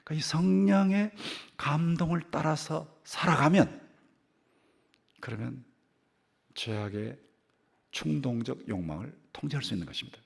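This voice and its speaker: A man's voice: fairly high pitch, normal speed, creaky, long pauses, breathy edge. An older man preaching a sermon as a church pastor, telling a story with repeated phrases and sudden rises and drops in his voice. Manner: animated storytelling with repeated phrases, voice rising and dropping sharply. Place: church sanctuary.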